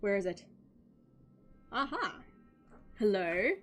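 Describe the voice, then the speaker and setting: A woman streaming a game, chatting casually with viewers, excitable and chatty with quick reactions. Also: medium pitch, faint music behind. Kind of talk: casual live-stream chat.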